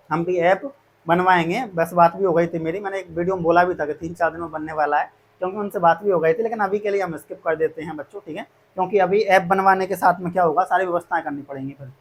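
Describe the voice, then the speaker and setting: A man with a notably high-pitched voice speaks to his students like a teacher. He explains plans step by step, often circling back and repeating himself to reassure them. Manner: repetitive, reassuring, addresses students as kids. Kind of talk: explaining course fees to students.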